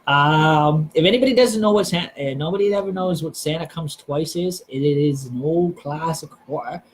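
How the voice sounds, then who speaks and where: A man's voice: fairly high pitch, normal speed, slight background noise, poor audio. A man hosting a live stream, chatting casually and hesitantly, with many fillers and restarts. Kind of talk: casual rambling chat.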